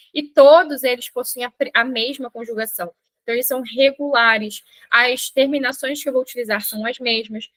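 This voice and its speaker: A young Brazilian woman with a Brazilian Portuguese accent teaching an online French lesson, chatty and encouraging, slowing down to model pronunciation. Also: high-pitched, fairly bright tone, no room sound.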